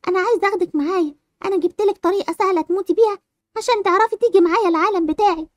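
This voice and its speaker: A woman's voice: very high voice, rapid-fire, no echo, studio quality, voice pushed down. A woman voicing the ghost of a dead girl friend who pleads and then menaces, in a dubbed game-animation movie. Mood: menacing.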